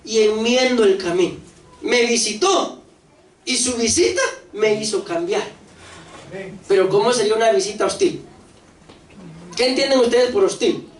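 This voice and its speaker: A pastor with a Costa Rican accent preaching a lively sermon, asking the congregation questions and acting out voices. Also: mid-range voice, normal speed, pauses often. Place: church hall. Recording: echoey church hall, distant mic, faint noise.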